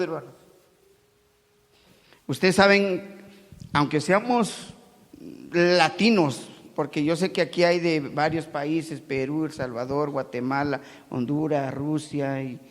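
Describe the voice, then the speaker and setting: A high-voiced man preaching in a church hall, his words trailing into a long reverb. He speaks with a Mexico City Spanish accent and moves between loud preaching and quiet asides to the congregation. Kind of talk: sermon.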